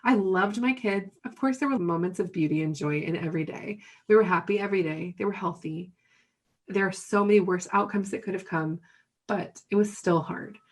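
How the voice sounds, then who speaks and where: A woman in her thirties telling her own parenting story candidly, animated and often laughing. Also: mid-range voice, fairly quick. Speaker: podcast guest.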